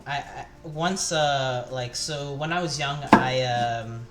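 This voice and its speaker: In an echoey home kitchen, with music playing and chopping in the background, a Taiwanese cooking streamer chats while he cooks. The young man talks slowly in a mid-range voice, rambling casually with frequent fillers and restarts.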